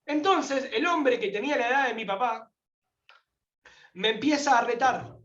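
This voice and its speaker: A man's voice: extremely high pitch, moderate pace, echoey room, muffled recording. A man from Argentina with an Argentine accent, a guest telling a heartfelt story in an interview and acting out the voices in it. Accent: Argentine Spanish. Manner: animated, acts out quoted voices. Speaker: guest pilgrim.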